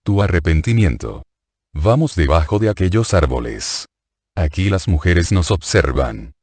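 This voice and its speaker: Brief: man reading as a gentle teacher, calm and kind, deep voice, dry sound. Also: measured pace, no room sound, heavily acted.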